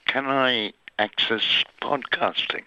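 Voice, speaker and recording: A man with an Australian accent calling in to a radio show, speaking in a measured, articulate, wry way over a phone line. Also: mid-range voice, bright, forceful tone, no room sound. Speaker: caller. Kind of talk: phone-in caller.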